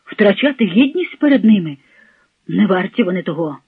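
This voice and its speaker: A man's voice: high voice, big pitch swings, normal speed, slightly rough, dry recording, phone-quality sound, full character voice. A man voicing a brave young peasant man, earnest and tender.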